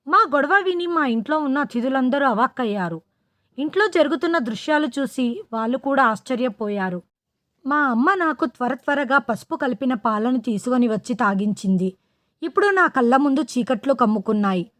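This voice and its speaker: High-voiced woman narrating a story. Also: no echo. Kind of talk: first-person story narration.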